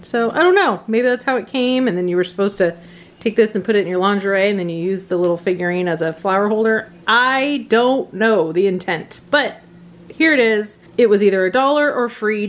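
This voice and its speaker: Woman, casual haul vlog, chatty, gushing, rambling, recorded at home. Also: medium pitch. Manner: chatty, gushing, trailing off and restarting. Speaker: vintage reseller vlogger. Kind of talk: casual show-and-tell haul narration. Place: home, at a table of items.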